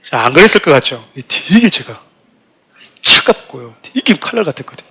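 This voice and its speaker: The church's middle-aged senior pastor preaches a sermon packed with humorous anecdotes, animatedly acting out quotes with a raised, shouting voice. His voice is slightly high and a bit rough, at a moderate pace.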